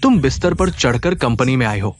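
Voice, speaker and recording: A man's voice: medium pitch, lively intonation, brisk, natural voice. A man dubbing an arrogant, accusing executive in a drama, with contemptuous delivery. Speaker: dub actor. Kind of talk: dubbed drama. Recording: music behind.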